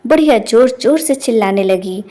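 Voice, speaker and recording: A woman narrates a scripted animated folk tale in a lively, expressive way. Her voice sits high and moves easily between scenes. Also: moderate pace. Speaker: storyteller.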